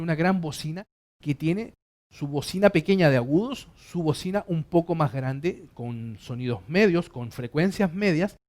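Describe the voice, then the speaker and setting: A man teaches a singing lesson in a fairly high speaking voice. He explains patiently and restates each point in several ways. Now and then he stops to sing a held vowel as a demonstration. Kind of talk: vocal lesson with sung demonstrations.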